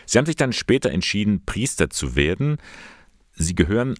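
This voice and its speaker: A man presenting a church news report and interviewing a guest, with a clear, measured delivery. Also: fairly low pitch, big pitch swings, no room sound, clean studio sound. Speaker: radio presenter.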